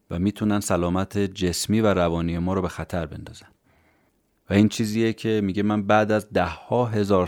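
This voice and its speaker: A man hosting a podcast, calmly summarizing a book for listeners in scripted narration. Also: low voice, dry recording, clean studio sound. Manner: calm, explanatory, addresses listeners directly. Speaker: podcast host summarizing books.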